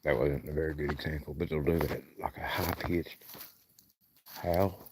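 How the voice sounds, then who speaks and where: A bass-voiced man speaks at normal speed in a level tone, talking folksy and relaxed with an Appalachian accent. He's livestreaming by a fire outdoors at night, and his handheld phone picks up plenty of noise.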